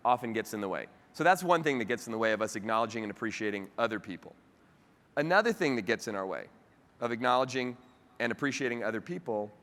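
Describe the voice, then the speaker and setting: In a large convention hall, a man with a fairly high voice delivers a motivational keynote, animatedly telling the audience a family story. His voice climbs sharply at the funny part, and the live recording carries a long hall reverb.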